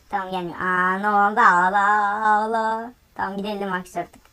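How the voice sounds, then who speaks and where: A woman giving excitable gameplay commentary, often exclaiming and laughing as she plays. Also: fairly high pitch. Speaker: gaming YouTuber.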